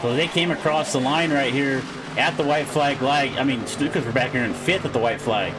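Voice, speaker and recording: A man doing live play-by-play race commentary, excited and full of quick restarts, sounding worn and a little out of breath. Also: mid-range voice, noisy background. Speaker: sim racing commentator.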